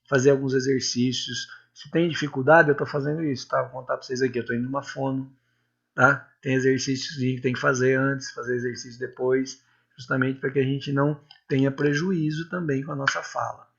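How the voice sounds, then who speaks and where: A man's voice: medium pitch, creaky, sharp tone, slightly rough. A man from Brazil giving an informal lecture on public speaking, chatty and full of tag questions and little anecdotes. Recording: dull lo-fi recording.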